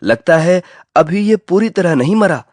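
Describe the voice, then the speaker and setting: A sly, jumpy jackal with a raised, excitable voice that leaps up and down, as a man puts him on. He sounds like a storybook animal, recorded close and dry. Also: high-pitched, measured pace, no room sound, pitched above the performer's own voice. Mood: nervous, alarmed. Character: clever, wary male jackal, jumpy and sly.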